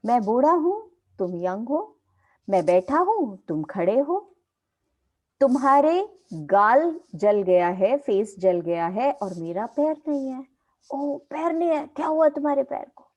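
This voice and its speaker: A woman retelling as a gentle, cheerful old man. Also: sits high, big pitch swings, slow, full character voice. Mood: easygoing. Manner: patient, reassuring.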